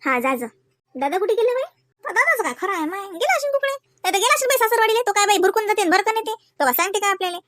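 Very high-pitched, with lively intonation and a fairly bright tone, this woman plays homely, talkative village women in a family cartoon. She uses a rural Vidarbha Varhadi Marathi accent, gossipy colloquial speech and long kinship exclamations, recorded studio-quality with no room sound.

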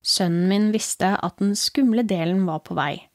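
Calm Norwegian woman narrating horror. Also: no echo, clean studio sound. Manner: calm, low storytelling voice. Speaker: podcast host and storyteller. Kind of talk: scripted horror story narration.

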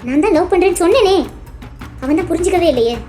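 Cartoon role: guarded young wife voiced by a woman, high, rapid delivery. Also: animated, mellow, soft background music. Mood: hurt. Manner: wounded, reluctant replies. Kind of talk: cartoon voice acting.

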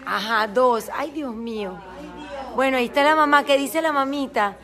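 In a casual Instagram story, a woman shows off her store event to followers, gushing and promotional. Her high-pitched voice is pushed and bright at a normal speed; she holds the phone herself indoors at the busy event as a crowd chatters behind her.

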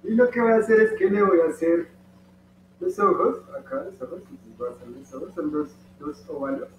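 A man's voice: on the high side, very animated, fairly quick. A man with a Colombian Spanish accent patiently guiding children through an origami dog step by step, encouraging them as he goes. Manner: patient, encouraging, talks to the kids directly. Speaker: origami instructor. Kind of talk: step-by-step craft tutorial for children. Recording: distant, roomy and dull with faint hum.

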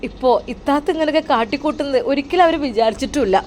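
A woman's voice: high-pitched, racing, a little hiss or hum. A woman narrating an emotional family story in an earnest, heartfelt way.

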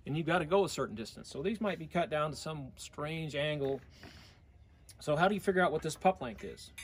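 A man's voice: medium pitch, a little hiss or hum. A middle-aged man giving a hands-on welding lesson in an outdoor work yard, explaining step by step in a plain, practical way, recorded on a nearby phone camera. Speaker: welding instructor. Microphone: phone camera held nearby.

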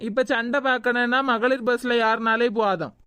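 A woman's voice: a little high, fairly even intonation, normal speed, fairly bright tone, clear, resonant tone, pitched below the performer's own voice, close to an everyday voice. A woman voicing a bossy young village woman in a cartoon, speaking Kanyakumari Tamil.

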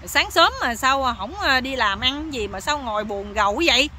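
A woman's voice: high-pitched, expressive, moderate pace, sharp tone, slight background noise. A woman voicing a nosy, bossy older village man who scolds and exclaims, with a Southern Vietnamese accent. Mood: scolding.

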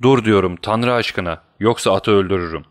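A man's voice: on the low side, brisk, fairly bright tone, lightly acted. Frantic, desperate stranger, voiced by a man. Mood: threatening.

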